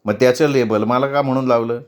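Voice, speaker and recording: A man's voice: medium pitch, steady tone, a little fast, close to an everyday voice. A man voicing a harassed, cornered man, restrained and pleading. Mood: indignant.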